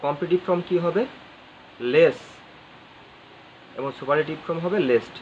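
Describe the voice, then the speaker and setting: A man's voice: on the high side, moderate pace. A man teaching an English grammar lesson, spelling words letter by letter, repeating phrases and asking his viewers questions. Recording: slightly dull audio with faint ambient noise.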